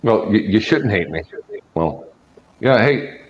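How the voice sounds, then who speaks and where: A low-voiced man in casual chat on a call, his sound doubled by echo from a second device. The audio is dull and lo-fi, as if played back through another speaker. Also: expressive, slow pace. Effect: echo from a second device, doubled playback.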